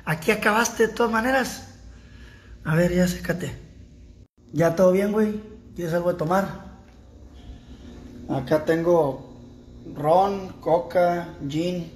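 A young man with a Sinaloan Mexican accent and a sore throat, voice pitched fairly high for a man. He chats crudely and jokingly to stray cats while vlogging at home. A faint hum of ambient noise runs underneath. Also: slow pace, pauses often. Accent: Sinaloan Mexican Spanish. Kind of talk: casual vlog chat. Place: house at home during rain.

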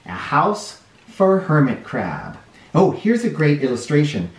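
Here the storytime reader, a man in his forties, has a slightly high voice and an unhurried pace as he reads a picture book expressively and explains things to young listeners in an animated way. Recorded indoors in a living room or playroom, the audio is roomy from a distant mic, with a little hiss or hum.

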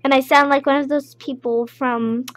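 A woman giving casual, rambling gameplay commentary, with excited outbursts. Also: high voice, normal speed. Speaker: gameplay video creator.

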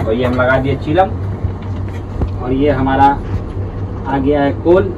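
A man's voice: medium pitch, slow. Hookah tutorial host, man, repetitive, friendly; distant camera mic, muffled and noisy. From India. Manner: repetitive, chatty, addresses viewers as brothers. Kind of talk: casual how-to demonstration. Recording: distant, dull audio with background noise.

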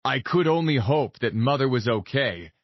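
Husky male audiobook narrator. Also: medium pitch, animated, moderate pace, dry recording, highs cut off. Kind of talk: scripted first-person narration.

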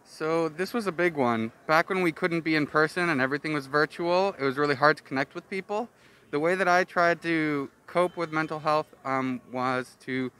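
A young man answering a street interview outdoors in a chatty, relaxed way, speaking into a handheld mic. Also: a little high, clear, resonant tone. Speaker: passerby. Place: outdoor street with cafe tables. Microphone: handheld mic held by interviewer.

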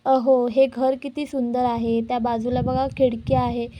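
A woman's voice: on the high side, level tone, a little slow, lo-fi sound, noisy background, close to an everyday voice. A woman reading the lines of a cheerful, hopeful young wife with an eager, upbeat manner.

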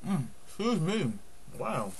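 A man's voice: sits high, very animated, takes it slowly, slight background noise. A man giving a casual taste-test review while chewing, speaking bluntly and plainly from his home computer desk. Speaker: food reviewer.

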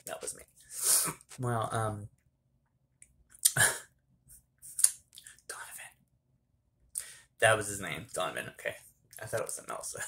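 A man's voice: lowish voice, vocal fry, a bit bright, a little hiss or hum. A man telling a casual storytime vlog, rambling and laughing often as he talks. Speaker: vlogger. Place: small hot bathroom.

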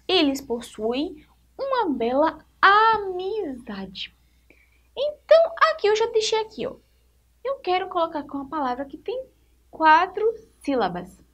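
A woman teaching a literacy lesson to young children, asking questions and answering them herself, stretching words out slowly syllable by syllable. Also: very high-pitched, bright, forceful tone.

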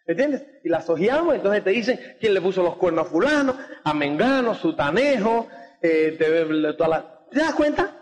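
A man's voice: high voice, very animated, moderate pace. A man giving a motivational talk to an audience. He keeps checking in with tag questions and acts out little dialogues. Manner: peppers speech with tag questions like "do you get it?". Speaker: motivational speaker. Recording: long hall reverb.

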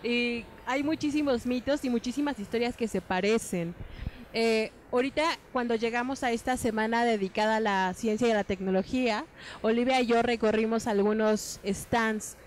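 A woman hosts an educational program in a TV studio, talking in a thoughtful, conversational way. Her voice sits fairly high, and there is a faint hum of noise behind her. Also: moderate pace. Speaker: host. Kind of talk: conversational TV hosting.

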